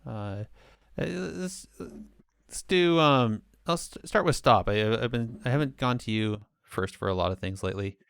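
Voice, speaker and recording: A man's voice: medium pitch, measured pace, creaky, a bit bright, clear, resonant tone, no echo, studio quality. A man hosting a casual gaming roundtable, easygoing and full of fillers as he steers the talk. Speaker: podcast host.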